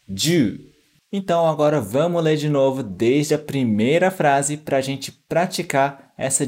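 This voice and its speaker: A man's voice: fairly high pitch, darkish tone. A man teaching Japanese pronunciation in an online lesson, patiently repeating each word for practice.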